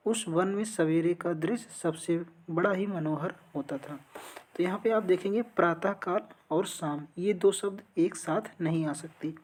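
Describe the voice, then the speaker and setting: A woman with a lowish, slightly mellow and slightly rough voice teaches an exam-prep lesson. She reads out multiple-choice quiz questions and answers them in an instructional way.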